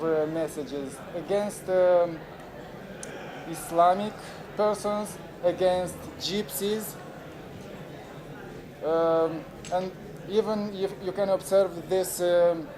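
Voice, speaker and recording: A Moldovan man in his forties, a native Romanian speaker, moderates an unconference talk in a conference room with an audience, speaking halting English full of fillers and restarts. His voice sits high, and the audio comes from a handheld camera.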